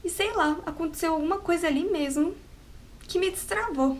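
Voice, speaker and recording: At home with her cats around, a woman vlogs a travel story off the cuff, chatting, laughing a lot, and adding "né" to her lines. She speaks at normal speed in a very high voice.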